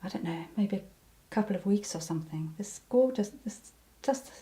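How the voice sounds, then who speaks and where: An older woman with a soft, mellow voice recalls her past in an unhurried interview. She hesitates often, restarts her sentences and fills the gaps with ums. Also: medium pitch, lively intonation. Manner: hesitant, many ums and restarts, breaks into laughter. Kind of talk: reflective personal recollection.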